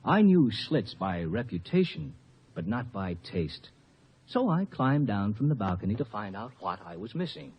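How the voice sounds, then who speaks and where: This actor's exaggerated, slightly rough voice sits on the low side, moves at a moderate pace, and has big pitch swings. He voices a bashful, bumbling young amateur actor telling his story with hesitant mock formality in a 1950s radio ad. He sounds sheepish and young, and the old radio audio is muffled.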